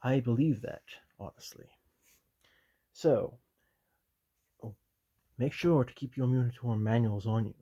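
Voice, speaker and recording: A stern, loyal commissar, as a man puts him on, reads an army handbook in whispered role-play. His low, mellow voice is soft and breathy, measured and officious, with dry little asides between the passages. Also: lo-fi sound, close to an everyday voice. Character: stern loyal male commissar reading aloud.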